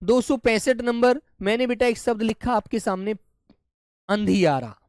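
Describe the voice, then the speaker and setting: In clean studio sound with no room sound at all, a man teaches a live online class, slowly repeating each word. He calls the children "dear" and softens to a low voice as he repeats their answers.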